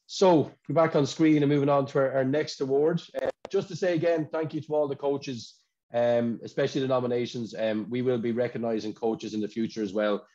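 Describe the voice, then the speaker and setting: A man's voice: medium pitch, steady tone, fairly quick, warm tone. An Irish man hosting an awards ceremony over a video call, chatty and often repeating words as he talks. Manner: chatty, repeats words when searching for them. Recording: dull lo-fi video call audio.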